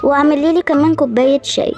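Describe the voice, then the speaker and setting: A woman's voice: high-pitched, fairly even intonation, racing, music in the background, lightly acted. A woman with an Egyptian accent voicing a grumpy, demanding twelve-year-old boy in a homemade family role-play drama. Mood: whiny. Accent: Egyptian Arabic. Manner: whiny and demanding.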